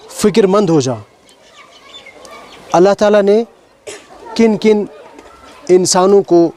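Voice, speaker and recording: Kashmiri-accented male walk leader, fairly high pitch, talks to schoolchildren outdoors, explanatory, asks them questions. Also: a little mellow. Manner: explanatory, asks questions of the children, mixes in English words. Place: outdoors at a stone heritage site.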